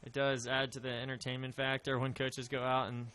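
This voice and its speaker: A man's voice: medium pitch, monotone, brisk, bright, forceful tone. A man giving casual color commentary on a live baseball game.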